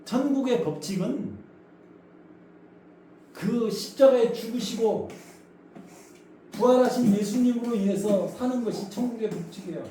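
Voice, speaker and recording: High-voiced male pastor in echoey hall. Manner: animated storytelling, acts out voices; asks the congregation questions. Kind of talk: sermon. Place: church sanctuary. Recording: echoey church hall from far off, faint noise.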